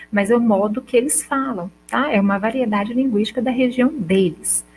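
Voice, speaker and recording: A woman teacher with a Brazilian accent explaining a lesson step by step, slowly sounding out example words and checking in with her students. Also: mid-range voice, darkish tone, a little hiss or hum, rough recording. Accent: Brazilian Portuguese. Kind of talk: recorded school lesson.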